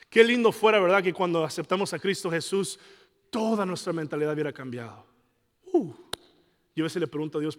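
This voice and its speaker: A man's voice: sits high, big-room sound. A male pastor, preaching a passionate sermon and mimicking his congregants' excuses. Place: large church hall.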